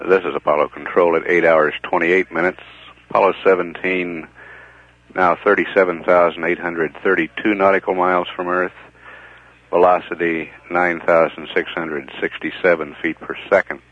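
Deep man on a tinny radio channel. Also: flat delivery. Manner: measured, halting with frequent "uh" pauses. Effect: narrowband radio transmission sound, like a communicator. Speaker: mission control commentator. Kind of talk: live mission status commentary. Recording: tinny phone-like archival radio feed.

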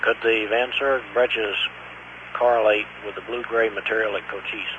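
A man's voice: lowish voice, fairly even intonation, normal speed. A man at mission control asking short, matter-of-fact questions over a radio link. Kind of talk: radio communications, brisk questions. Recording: tinny radio link with loud hum.

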